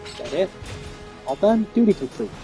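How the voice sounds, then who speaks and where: A man's voice: sits high, sing-song, normal speed, mellow, faint music behind, rough recording. A man streaming a role-playing game, chatting casually with wry jokes. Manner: wry, joking. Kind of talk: casual gameplay commentary.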